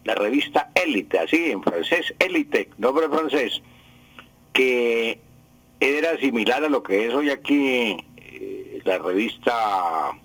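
A man's voice: medium pitch, lively intonation, takes it slowly, fairly bright tone, no echo, rough recording. An older man answers listeners' language questions on the radio, teaching patiently and repeating the key words. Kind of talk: radio call-in explanation.

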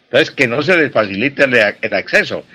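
A man's voice: mid-range voice, animated, a little fast, pushed and bright. A man answering listener questions on a radio program as a language expert, explaining patiently and repeating his key points.

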